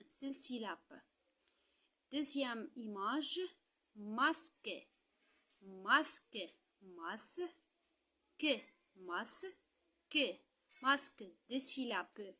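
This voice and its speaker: Woman, Moroccan accent, teacher, very slow, bright, higher voice, repeats words syllable by syllable. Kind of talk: slow primary-school lesson walkthrough.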